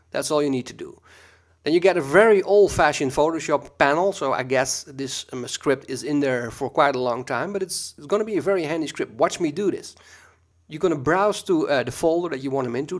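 Speaking into a computer mic, a Dutch man teaches a software tutorial over a screen recording in his Dutch accent. His voice is a little high, and his delivery is loose and chatty, peppered with ums and uhs.

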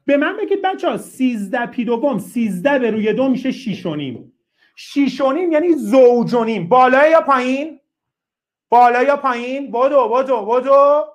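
A woman lectures a math class, her voice swinging high and low with lively energy. She drives each point home by repeating it, presses students to answer quickly, and rewards them with short bursts of praise. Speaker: math teacher.

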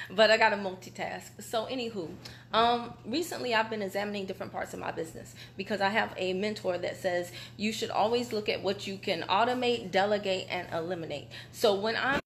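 A small business owner chats candidly on a live phone video while standing on a vibration machine, which makes her voice shake as though she were speaking into a fan. Her pitch is medium, her speed normal, and her tone fairly bright, with a little hiss or hum from the phone camera mic.

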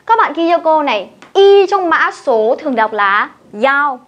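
This Chinese language teacher, a woman with a Vietnamese accent, speaks in a high, slightly bright voice with big swings in pitch and a measured pace. In her classroom-style video lesson, she explains things step by step and guides learners through repeated drills.

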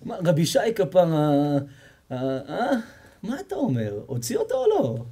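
Lively high-voiced rabbi telling stories. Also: male voice, breathy edge. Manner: animated storytelling, acts out characters, jokes and quizzes the audience. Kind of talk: sermon with storytelling.

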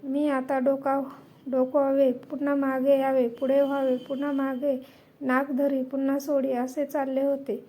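High flat-voiced woman reading a story. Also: unhurried. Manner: steady first-person storybook reading with quoted dialogue.

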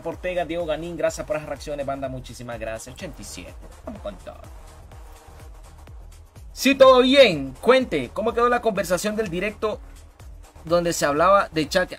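A man streaming a fighting game live, greeting viewers by name in loose slangy banter and breaking into excited shouts. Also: fairly high pitch. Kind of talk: live gameplay commentary, chatting with viewers.

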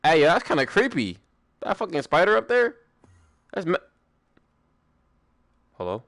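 A young man streaming a game with friends, chatting casually, swearing a lot and breaking into excited shouts. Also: fairly high pitch, unhurried, no room sound, studio quality. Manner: excitable, profane, bursts into shouts. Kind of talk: casual gaming commentary.

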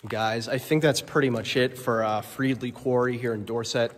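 Exploring an abandoned stone quarry cavern, a young adult vlogger talks to his phone camera at arm's length, his casual chat full of fillers and amazement. He speaks at a moderate pace in a medium-pitched voice with fairly even intonation, and the cavern adds a long reverb.

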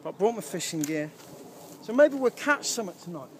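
There's a lot of noise around this outdoor vlogger, a man in his thirties filming himself on a handheld camera by a lake at a wild camp. His voice sits high and is very animated and a little fast as he rambles cheerfully, dropping frequent ums.

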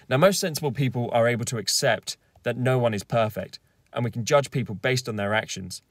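A man's voice: mid-range voice, no echo. A young man in his twenties delivering scripted political commentary from inside a car, speaking in a firm, argumentative, lecturing way. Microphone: camera facing him at close range.

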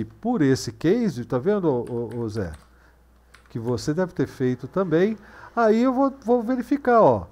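A man's voice: on the high side, darkish tone. Man thinking aloud while teaching. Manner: thinking aloud, full of fillers and self-corrections. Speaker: course instructor. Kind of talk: screencast programming lesson.

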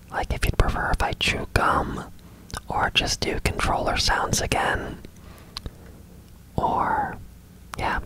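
A person whispering softly and casually in a breathy, unvoiced voice as an ASMR gaming host. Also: poor audio. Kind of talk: whispered ASMR game commentary.

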